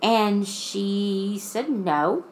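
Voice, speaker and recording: A woman co-hosting a podcast, telling a creepy story in casual chat with drawn-out, restarting phrases. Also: mid-range voice, a little mellow, a little hiss or hum. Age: adult mother. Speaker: podcast co-host.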